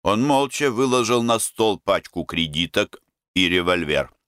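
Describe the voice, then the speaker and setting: A man reading literary prose aloud as an audiobook narrator, in a measured, calm, deliberate way. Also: on the low side, clear, resonant tone, no echo, studio quality.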